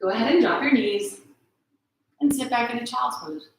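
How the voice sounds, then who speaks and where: A woman yoga instructor guiding a class through poses, giving calm, encouraging cues and often checking in with "right?". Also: a little high, normal speed, slight background noise. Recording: very echoey room.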